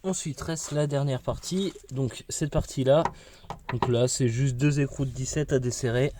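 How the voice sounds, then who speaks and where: A man's voice: mid-range voice, normal speed, very noisy. A man casually explaining a car repair step by step, informal and slangy, talking straight to the viewer. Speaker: car mechanic tutorial host.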